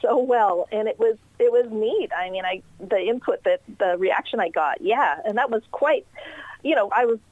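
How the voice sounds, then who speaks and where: A bubbly, energetic woman chatting casually as an interview guest. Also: mid-range voice, moderate pace, no room sound, narrow, tinny audio. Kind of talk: casual chat.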